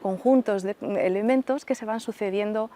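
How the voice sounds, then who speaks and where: A woman professor, a guest on a radio interview, explaining speech sounds in a measured way with examples. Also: medium pitch, mellow. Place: radio studio.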